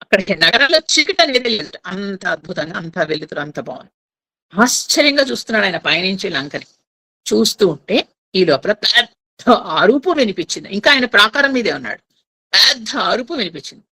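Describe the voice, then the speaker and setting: A woman storyteller retelling an epic tale, speaking directly to her listeners and pausing to explain. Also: mid-range voice, very animated, sharp tone, rough recording.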